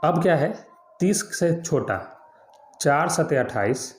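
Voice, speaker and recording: A man's voice: fairly high pitch, expressive, takes it slowly. A man teaching a maths lesson, repeating key points and quizzing his students as he works through examples. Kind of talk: explaining lesson. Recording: echoey room.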